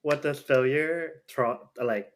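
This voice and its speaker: A young man from Thailand with a Thai accent, co-hosting a casual podcast, relaxed and laughing along with short agreeing replies. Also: medium pitch, slow pace, slight background noise. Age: young adult. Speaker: podcast co-host. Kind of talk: casual chat.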